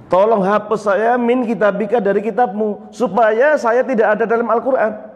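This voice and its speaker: A man's voice: high-pitched, steady tone, moderate pace, voice pushed up, natural voice. A man preaching in Indonesian as a Quran chapter personified, pleading and indignant in first person. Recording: echoey hall, dull lo-fi sound.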